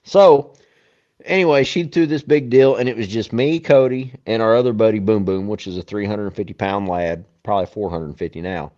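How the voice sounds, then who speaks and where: A man's voice: fairly low pitch, moderate pace. Guy cussing his way through a wild story, kinda muffled lo-fi sound. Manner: profane, animated storyteller. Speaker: podcast co-host. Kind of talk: casual storytelling chat. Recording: dull lo-fi sound.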